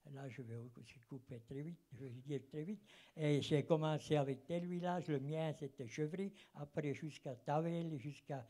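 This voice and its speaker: Pitched on the high side and mellow, this man's voice keeps a normal speed. Now in his eighties, the former travelling cinema operator grew up in the German-speaking countryside of Fribourg, Switzerland, so his French has a Swiss German accent. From a seat in a cinema auditorium, he reminisces into a handheld microphone during a public round table, meandering and searching for words.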